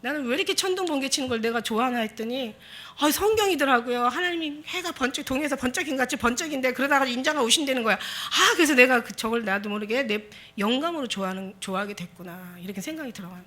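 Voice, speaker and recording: A woman pastor delivers a Sunday sermon in a high, ringing voice. She is impassioned and exhorting, and she drives her points home by repeating short commands. Her tone is bright and forceful throughout. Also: animated, fast. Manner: impassioned, exhorting the congregation with emphatic repetition.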